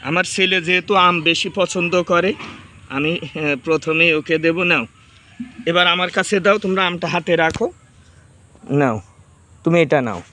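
High-voiced man in his thirties chatting outdoors. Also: a little slow, pauses often, sharp tone. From Bangladesh. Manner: chatty, explains while directing children. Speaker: farming vlogger. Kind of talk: casual outdoor demo chat.

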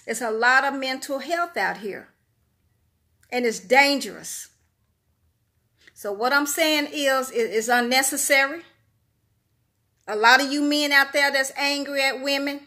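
A middle-aged woman talks straight to her viewers in a bright, piercing voice. She preaches and repeats her points over and over. Her pitch sits high and sharp. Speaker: vlogger. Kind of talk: casual monologue to camera.

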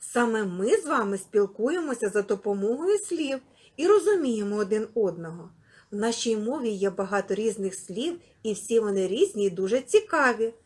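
Husky woman teaching preschoolers. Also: medium pitch, moderate pace. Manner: lively, sing-song address to small children. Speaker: kindergarten teacher. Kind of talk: literacy lesson for preschoolers.

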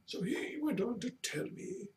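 A whimsical, doddering, very old gentleman tells comedic tales in character to camera, with grand, halting, expressive drama and a welcoming, theatrical mood. His extremely high pitch swings widely. A webcam at desk distance picks him up from afar in a small home room.

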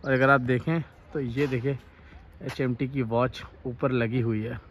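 A man's voice: medium pitch, little pitch movement, a little slow, rough recording. A man in his thirties vlogging a road trip, pointing out views and places to viewers as he drives and walks outdoors, filmed on a handheld phone. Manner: enthusiastic, points things out to viewers. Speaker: travel vlogger. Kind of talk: casual travel vlog narration. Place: outdoors on hill roads and in a car. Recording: outdoor traffic and wind noise.

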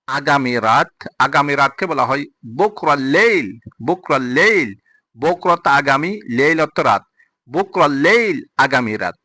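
A man with a Bangladeshi accent teaching spoken Arabic phrases, repeating each word and its meaning in a slow drill. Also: medium pitch, sharp tone, no echo. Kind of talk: spoken language lesson.

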